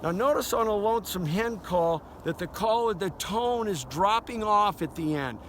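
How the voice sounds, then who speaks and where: A man's voice: sits high, expressive, moderate pace. An older man with a folksy, conversational manner, giving a casual hunting lesson as a duck calling instructor. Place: outdoors by a river. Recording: noisy outdoor recording with ambience. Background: outdoor noise, duck call quacks.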